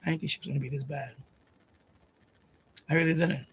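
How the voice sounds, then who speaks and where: A man's voice: on the high side, fairly even intonation, a little fast, creaky, slight background noise. A man in his late fifties, a livestream host, ranting about his family in a rambling, profane way, repeating phrases and pushing his voice up when upset, into a desk microphone at home. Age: 50s. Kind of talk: emotional personal rant. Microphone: desk USB condenser microphone.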